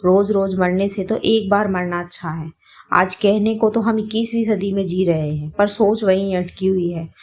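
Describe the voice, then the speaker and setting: A woman's voice: medium pitch, normal speed, a little mellow, natural voice. A woman voicing a grieving young widow who speaks tearfully and pleads in a spoken story. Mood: anguished outburst.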